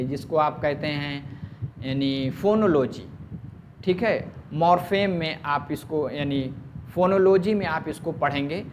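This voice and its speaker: A man's voice: fairly high pitch, a little hiss or hum. A man with an Urdu-speaking Indian accent teaching an English grammar lesson, drawling English examples and asking and answering his own questions. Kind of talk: recorded classroom lesson.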